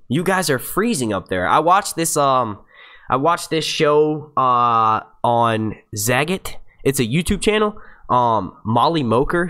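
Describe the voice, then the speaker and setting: A man's voice: medium pitch, pushed and bright. A man in his twenties from the United States with a youthful-sounding voice, hosting a casual live stream and chatting in a rambling way. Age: 20s. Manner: rambling and chatty, with many fillers and profanity. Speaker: YouTube channel host reading live chat.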